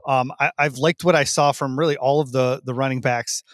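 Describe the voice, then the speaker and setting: A man's voice: medium pitch, fairly even intonation, brisk, a bit bright, dry recording, clean studio sound. A man guesting on a sports podcast, explaining his view in casual chat, hedging often with "like.".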